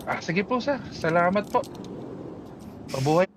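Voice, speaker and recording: A man with a fairly high voice speaks in a game role-play. He is polite and deferential. His voice chat line carries clear background noise. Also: sing-song, measured pace. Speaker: role-play player addressed as Doc.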